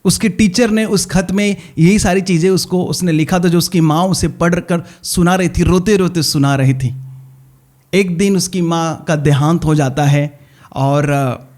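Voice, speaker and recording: A man's voice: fairly high pitch, a little mellow. A man, a pastor, preaching an earnest sermon that repeats key phrases and tells stories. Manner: earnest preaching with repetition and storytelling.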